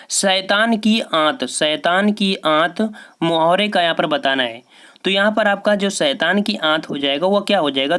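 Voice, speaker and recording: A man teaching as a Hindi exam tutor, going through practice questions one by one, reading each question out slowly and then explaining the answer with rhetorical questions. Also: fairly high pitch, fairly bright tone.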